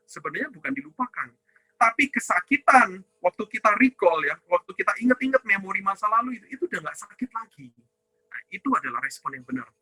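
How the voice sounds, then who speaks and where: A man with a high, very bright and forceful voice gives a ministry teaching talk. He poses rhetorical questions and answers them himself, dropping a questioning "ya" after nearly every phrase. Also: slightly rough, no room sound, low-quality recording. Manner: asks and answers his own questions, tags lines with "ya"; addresses listeners as "saudara". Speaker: ministry teacher on inner healing.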